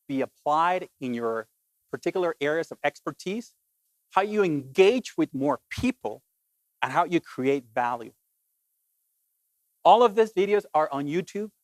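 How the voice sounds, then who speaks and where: A middle-aged man from Colombia giving an animated, emphatic talk to an audience as a keynote speaker, often saying "basically". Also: a little high, no echo.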